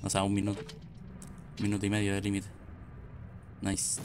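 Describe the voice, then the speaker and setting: A man's voice: on the low side, monotone, normal speed, noisy background. A man with a Chilean accent giving casual let's play commentary, muttering short reactions to himself as he plays. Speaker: video game streamer. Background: game music.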